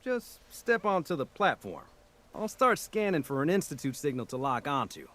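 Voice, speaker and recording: A fussy nervous scientist. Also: male voice, a little high, sing-song, moderate pace, a bit bright. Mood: explaining. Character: male scientist helping with teleport.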